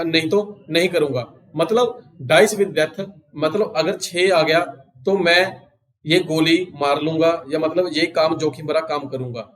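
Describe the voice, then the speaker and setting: Indian guy teaching vocab, a bit high voice, slow and drawn out, says the english bits twice. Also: poor audio. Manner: explains in Hindi, reads English phrases slowly and repeats them. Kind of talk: recorded exam-prep lesson.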